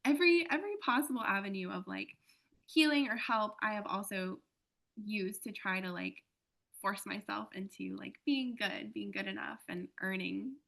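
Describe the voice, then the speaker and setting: A woman speaking as an interview guest, reflective and earnest, pausing often as she thinks aloud. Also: medium pitch, vocal fry, fairly bright tone. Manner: earnest, thoughtful, many "um" and "like" pauses.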